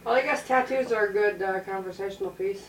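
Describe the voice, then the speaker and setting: A woman's voice: mid-range voice, a little fast, echoey room, distant mic, a crowd in the background, rough recording. A woman in her forties chatting casually, blunt and outspoken with offhand swearing. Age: 40s. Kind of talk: casual chat.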